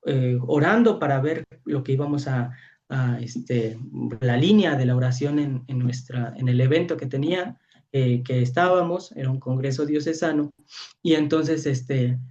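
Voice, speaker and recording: Mexican priest preaching, dull lo-fi audio. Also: male voice, medium pitch, moderate pace, a little mellow. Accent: Mexican Spanish. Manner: storytelling, acts out voices, frequent rhetorical "¿verdad?". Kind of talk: preaching to a youth training session.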